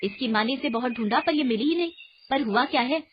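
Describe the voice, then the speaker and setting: A woman's voice: high-pitched, fast talker, lightly acted. A woman doing a curious village local. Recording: muffled, with a clear hiss.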